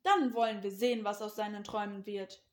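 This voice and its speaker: A woman voicing a group of jealous older brothers, loud and scornful as they scold. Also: medium pitch, steady tone, a little fast, roomy sound, close to an everyday voice.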